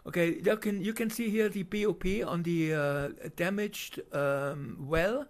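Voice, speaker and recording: A man with a German accent ad-libs a voice-over for video footage in a high voice, stumbling along with plenty of fillers and restarts.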